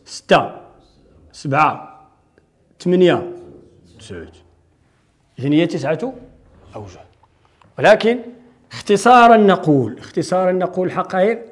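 High-voiced Moroccan sheikh teaching recitation. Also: male voice. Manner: explains step by step, asking and answering his own questions. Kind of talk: classroom lecture.

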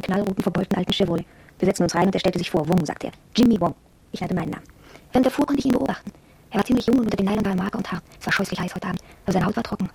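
A husky-voiced actress gives a radio monologue as a young shop apprentice, proud and headstrong, sharing confidences plainly. Her mid-range voice has a darkish tone, and she sounds intrigued while recounting, on a dry, rough recording.

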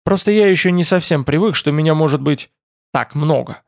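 Audiobook: man reading a prickly, hungry young man, slightly high, grumbling sarcasm. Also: brisk, creaky, darkish tone, no room sound, studio quality. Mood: cheeky. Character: cheeky, hungry young man, prickly about his past.

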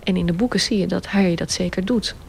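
Woman explaining in a measured way. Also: lowish voice, vocal fry, darkish tone, slightly rough. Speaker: commentator. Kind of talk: reflective radio commentary.

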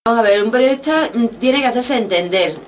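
A woman from Extremadura with an Extremaduran accent, a regional radio journalist answering a street interview in a measured, carefully enunciated way. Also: on the high side, animated, far from the mic, slight background noise. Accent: Extremaduran Spanish. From Extremadura, Spain.

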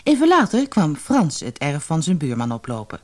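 A woman's voice: deep voice, huge pitch swings, moderate pace. A woman narrating a children's fairy tale in a scripted storybook reading, lifting her voice for the characters' lines. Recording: soft music behind the voice.

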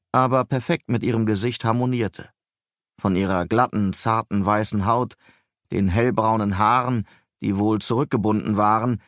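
A man narrating a crime novel as an audiobook in a measured, even reading. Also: fairly low pitch, dry recording, studio quality. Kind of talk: scripted narration.

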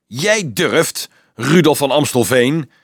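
A gruff medieval officer from a storybook, curt and impatient, barking his orders in a raised, sharp voice, as a male reader acts him out. The recording is dry and close. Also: mid-range voice, animated, measured pace, no room sound, natural voice. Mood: snapping.

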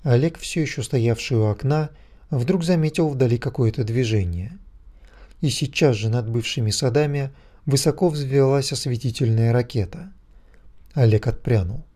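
Calm man reading, dark mellow voice. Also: medium pitch, moderate pace. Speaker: narrator. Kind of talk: scripted audiobook narration.

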